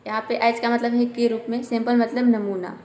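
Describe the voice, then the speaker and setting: A woman teaching English word by word, slowly repeating each word with its meaning. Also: a little high, little pitch movement, a little mellow, echoey room. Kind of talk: explaining English sentences word by word in Hindi.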